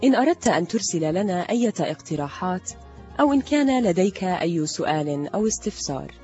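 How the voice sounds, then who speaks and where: A woman's voice: lowish voice, big pitch swings, fast talker, dark tone, muffled recording, soft background music. A woman, formally announcing the program's contact address. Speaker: radio announcer.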